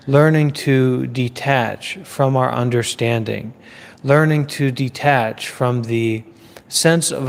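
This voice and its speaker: A man giving a live Dhamma talk as a Buddhist teacher. He speaks in a measured way, repeating phrases in lists with pauses. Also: medium pitch, gravelly, in a large hall.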